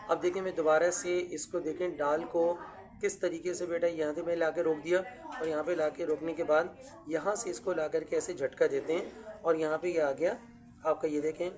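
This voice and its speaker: A man's voice: a little high, a little mellow. A man with an Urdu accent teaching calligraphy step by step, patiently repeating himself and calling his students "beta". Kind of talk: step-by-step handwriting lesson.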